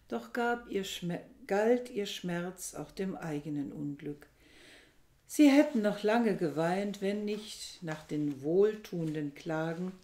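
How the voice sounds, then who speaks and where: A woman reading a novel aloud with measured, dramatic storytelling. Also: on the low side, darkish tone. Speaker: reader. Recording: echoey room.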